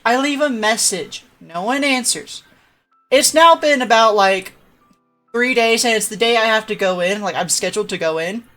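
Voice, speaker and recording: Chatty young woman streamer, rambling. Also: a little high. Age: young adult. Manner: rambling, animated, restarts and frequent "right?". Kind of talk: casual storytelling chat.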